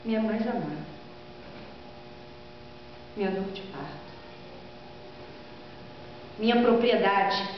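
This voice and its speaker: A woman's voice: mid-range voice, animated. A woman plays a proud, vengeful queen of Greek tragedy. She declaims with theatrical emphasis, defiant and gloating. The sound is very reverberant and muffled, with a faint hum. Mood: defiant, indignant. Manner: theatrical, declamatory, emphatic dramatic reading with drawn-out phrases. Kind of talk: dramatic stage reading of Greek tragedy. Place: large classroom or lecture room, indoors. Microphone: far camera microphone. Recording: echoey hall from afar, dull sound, mains hum.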